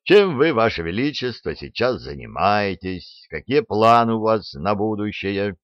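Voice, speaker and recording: Brief: male reader doing a cunning double agent, low-pitched, lively and crafty, lo-fi audiobook. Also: unhurried, no echo. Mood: sly. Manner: sly, boastful storytelling.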